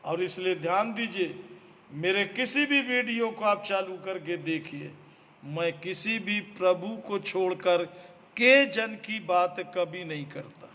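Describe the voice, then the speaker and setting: Male preacher, slow emphatic delivery, reverberant hall. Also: high voice, sharp tone. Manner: emphatic, repeats phrases, addresses listeners as beloved. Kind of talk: sermon.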